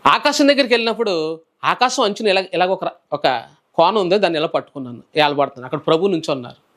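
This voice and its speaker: High-voiced soft-spoken preacher man. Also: fast talker. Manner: soft-spoken, calm storytelling. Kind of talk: personal testimony in an interview.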